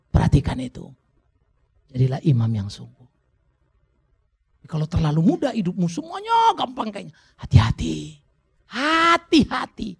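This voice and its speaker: Gravelly-voiced male pastor preaching. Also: medium pitch, mellow. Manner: conversational preaching, jokes with the congregation. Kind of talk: sermon. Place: church.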